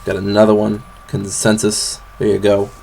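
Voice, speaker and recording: A young man talks into his camera's built-in mic while sitting on a bed, drifting from topic to topic. His voice sits low and gravelly, and it is full of ums, restarts and apologies. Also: monotone, moderate pace, darkish tone. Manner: rambling, apologetic, with many fillers and restarts. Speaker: vlogger. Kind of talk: rambling casual vlog.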